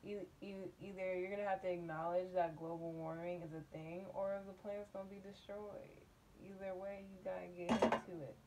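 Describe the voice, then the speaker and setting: A woman giving a casual tarot reading, musing and unhurried, humming and laughing softly between thoughts, from a table in a small dim room. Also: on the low side, fairly even intonation, noisy background. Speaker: tarot reader.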